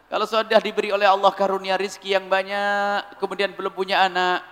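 A man preaching a sermon, lively, acting out people's prayers in a raised voice. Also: high voice, brisk. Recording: reverberant hall.

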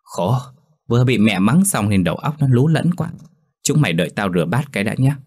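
A man's voice: fairly low pitch, lively intonation, a little fast, darkish tone, husky, pitched above the performer's own voice. A man voicing a flustered, forgetful young village man. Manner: flustered, rambling.

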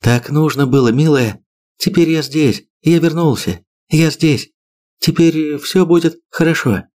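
A man's voice: fairly high pitch, a little slow, a little mellow, voice pushed up, natural voice. A man doing a stern, loving father. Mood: tender. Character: stern middle-aged father, gruff but loving.

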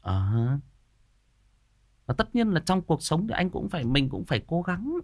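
A man, telling a personal story in casual chat, frank and animated, with many fillers and repeated words. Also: a little high, normal speed, dry recording, clean studio sound.

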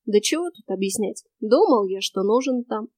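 Woman voicing a cracked quiet male ghost. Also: on the high side, no echo. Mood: indifferent. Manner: flat, indifferent, slow. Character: weary male stranger spirit of the afterworld.

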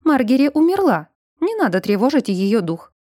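A woman's voice: sits high, big pitch swings, moderate pace, dark tone, no echo, studio quality, voice pushed up. A woman reading the part of a bold young woman writer who speaks bluntly and matter-of-factly.

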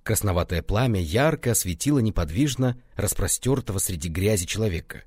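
Animated low husky male narrator. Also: brisk, dry recording. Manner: animated, reads notes aloud. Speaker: audiobook reader. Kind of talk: expressive scripted narration.

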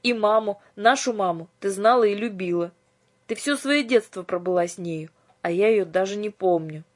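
A woman voicing a lively, impulsive teenage girl who talks in an excited, pleading way with a breathy voice. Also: mid-range voice, moderate pace, pitched above the performer's own voice, close to an everyday voice. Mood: tearful.

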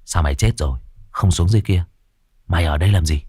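A man voicing a brusque young male exorcist in a ghost story, speaking in a low, muttered, gruff way. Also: fast talker, a little mellow, slight background noise, natural voice.

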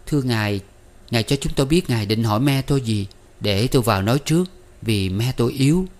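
A man's voice: mid-range voice, fast, natural voice. A man voicing a proud, polite young woman schoolteacher who speaks formally.

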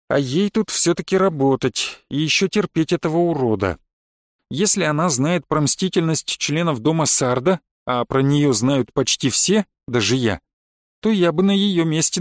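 A man's voice: on the high side, normal speed, dry recording. A man narrating a story in the first person, in a dry, mocking manner. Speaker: audiobook narrator.

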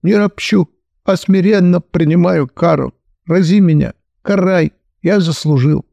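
A man voicing an excitable, self-pitying grown man who whines nasally and laments theatrically. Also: sits high, a little slow, gravelly, no room sound, voice pushed up, heavily acted. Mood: wailing.

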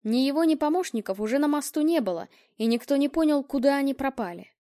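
A woman reading an audiobook in a measured, even storytelling manner into a close mic. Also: high-pitched, no room sound. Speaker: audiobook narrator. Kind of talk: scripted narration.

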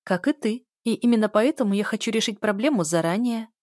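A woman's voice: medium pitch, brisk, a little mellow, dry recording, studio quality, natural voice. A woman voicing a brash, cynical young woman who schemes for a better life, in a storybook reading. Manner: cynical, pushy.

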